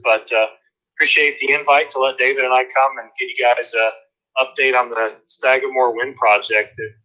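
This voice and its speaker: A man's voice: mid-range voice, sharp tone. Man on a muffled speakerphone. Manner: friendly, talks in loose phrases with many fillers. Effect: heard over a speakerphone. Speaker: project manager giving an update. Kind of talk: informal remote presentation. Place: remote, calling into a meeting. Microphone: phone.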